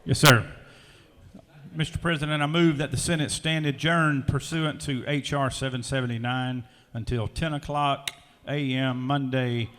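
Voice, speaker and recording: A man's voice: mid-range voice, fairly even intonation, normal speed, a bit bright. Man making formal motion, echoey hall. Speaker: senate majority leader. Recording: reverberant legislative chamber.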